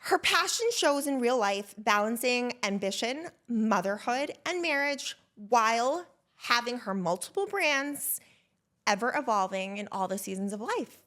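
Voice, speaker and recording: Woman host, fairly high voice, effusive and gushing, lots of fillers; interview podcast. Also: very animated, a little slow, a bit bright. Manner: effusive, enthusiastic, many fillers.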